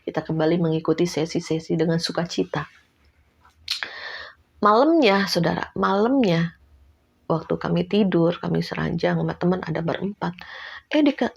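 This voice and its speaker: Husky-voiced woman preaching a testimony. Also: mid-range voice, a little mellow. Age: middle-aged. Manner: storytelling, addresses listeners as "saudara", acts out dialogue, laughs often. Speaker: evangelist preaching. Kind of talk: sermon testimony.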